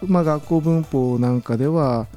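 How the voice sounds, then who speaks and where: A man lecturing on business in a radio talk, relaxed and full of fillers, slowing down to sound out examples. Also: fairly high pitch, faint music behind. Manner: relaxed, many fillers, slow careful English examples. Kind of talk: radio lesson chat.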